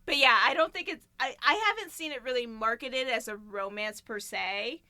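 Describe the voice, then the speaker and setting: A woman's voice: on the high side, moderate pace, bright, forceful tone, no echo. A woman co-hosting a casual book-chat podcast, talking in a chatty way and laughing often between her thoughts. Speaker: podcast co-host.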